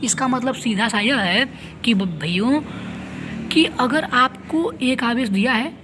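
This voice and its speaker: A man's voice: extremely high pitch, slow pace, background noise. A male physics teacher giving a board-exam lesson with diagrams. He repeats each point, asks and answers his own questions, and keeps checking in with the students.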